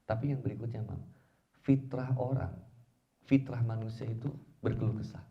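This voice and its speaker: A man's voice: lowish voice, moderate pace, creaky, lo-fi sound. A man preaching an informal Islamic study talk in a chatty, slangy way, telling personal anecdotes and acting out quoted dialogue. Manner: tells personal anecdotes to the audience.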